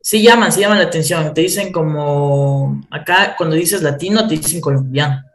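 A man's voice: a little high, normal speed, a bit bright. A man with an Ecuadorian accent, telling stories in a casual chat and laughing as he goes. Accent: Ecuadorian Spanish. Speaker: guest. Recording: roomy echo.

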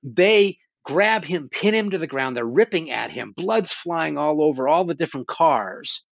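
A man's voice: on the high side, lively intonation, a little slow, vocal fry, no room sound, muffled recording. A man hosting a show, casually and animatedly retelling horror stories, swearing now and then. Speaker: podcast host. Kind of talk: casual conversation about horror films.

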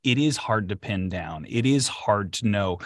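A man's voice: lowish voice, lively intonation, unhurried, no room sound, clean studio sound. A man conducting a casual, conversational interview in an effusive, encouraging manner.

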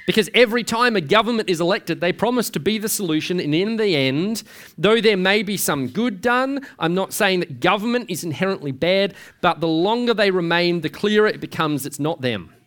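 A man's voice: sits high, animated, a little fast, a bit bright. A man preaching a sermon in a conversational way, asking rhetorical questions and often restarting his sentences. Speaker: pastor.

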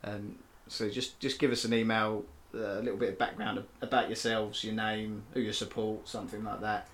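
A man's voice: lowish voice, flat delivery, a little fast, fairly bright tone, a little hiss or hum. A man co-hosting a casual sports podcast, chatty and self-mocking with many fillers. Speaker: podcast co-host.

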